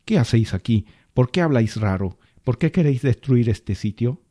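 Give me a demanding gruff old man, voiced by a man. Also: medium pitch, animated, moderate pace, warm tone, no room sound, studio quality, natural voice. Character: limping, gruff older man pushing through a crowd.

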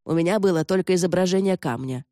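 A woman's voice: fairly low pitch, quick pace, mellow, no room sound, studio quality, natural voice. Woman voicing a whiny captured thief. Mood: bargaining. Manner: whiny, begging. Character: captured young male thief, pleading then cold.

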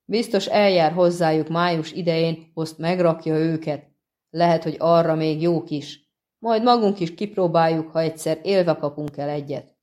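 Coarse bandit leader, leering and crude, voiced by a woman; low and warm. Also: natural voice. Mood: sneering. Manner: crude, sneering.

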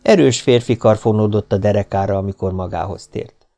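Man narrating an audiobook, kinda gravelly voice, steady even reading. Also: lowish voice.

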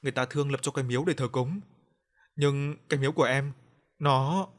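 A man's voice: mid-range voice, fairly even intonation, a little fast, lightly acted. A man voicing a frightened young ghost girl who begs and sobs as she talks. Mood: pleading tearful. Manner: sobbing, pleading.

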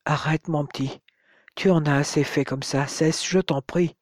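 A man doing a calm, gentle older father. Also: on the high side, measured pace, no echo, clean studio sound.

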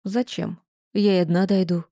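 A frightened teenage girl in an audiobook, speaking softly and wearily as she pushes a boy away, voiced by a woman. The tone is quiet and mellow. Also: lowish voice, flat delivery, normal speed, no room sound, clean studio sound. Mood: weary. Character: teenage girl, tired, evasive, scared.

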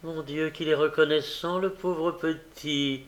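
A man voicing a kind, gentle elderly woman caring for a sick child in a read-aloud novel, speaking softly and tenderly. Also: a little high, fairly even intonation, slow, voice pushed up. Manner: soft, tender, motherly. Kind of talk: audiobook character reading.

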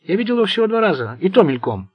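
A man's voice: sits high, sing-song, fast talker, slightly rough, no echo, pitched above the performer's own voice, heavily acted. A man voicing a timid, joking male gang member who tries to keep the peace.

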